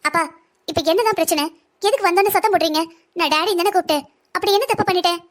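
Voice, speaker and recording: Cartoon heroine, young, arrogant and defiant, fast and high, voiced by a woman. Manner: taunting, defiant. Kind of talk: Tamil cartoon voice acting.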